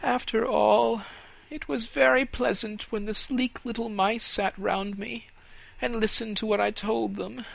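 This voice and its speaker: A man voicing a proud young male fir tree in a storybook reading, high and dreamy. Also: steady tone, measured pace, vocal fry, fairly bright tone, no room sound, heavily acted, rough recording. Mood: wistful.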